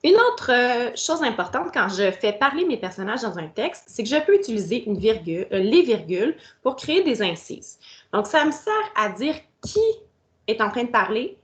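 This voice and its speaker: A woman teacher, explaining a grammar lesson step by step and speaking directly to the pupil. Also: a little high. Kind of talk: recorded grammar lesson for children.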